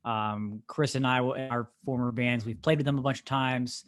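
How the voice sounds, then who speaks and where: A man's voice: medium pitch, fairly even intonation, moderate pace. A man from the Pittsburgh area co-hosting a casual podcast over a remote call, exasperated and joking, laughing often. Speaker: podcast co-host.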